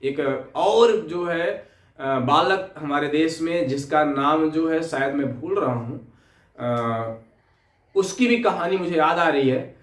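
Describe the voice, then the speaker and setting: A man with an Indian accent giving an earnest moral talk to students, telling stories haltingly with repeated filler phrases. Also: fairly high pitch. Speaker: teacher giving a motivational talk. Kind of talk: moral storytelling and exhortation to students. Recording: echoey room, distant microphone.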